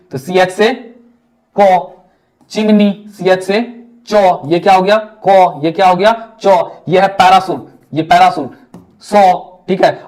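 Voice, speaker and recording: A young man with a Bihari Hindi accent teaching English vocabulary as a lecture, asking questions and answering them himself, repeating words. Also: high-pitched. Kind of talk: classroom lecture.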